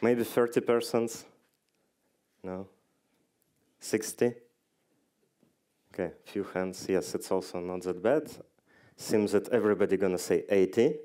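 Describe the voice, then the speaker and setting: A man's voice: on the low side, unhurried, long pauses, mellow. A man giving a conference talk, joking dryly and quizzing the audience. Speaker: conference speaker. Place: conference hall stage.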